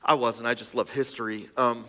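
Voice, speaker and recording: A man in his thirties preaching a casual sermon, joking and restarting, then building to loud emphatic passages. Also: medium pitch, flat delivery, fairly quick, a crowd in the background. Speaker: pastor. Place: church auditorium. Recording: long hall reverb.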